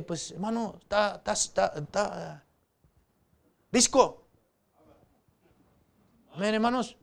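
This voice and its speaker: A man preaching a sermon, swinging from loud pleading to low quiet asides and calling the congregation "brothers". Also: vocal fry. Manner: addresses the congregation as "hermanos" often; acts out quoted pleas in a raised voice.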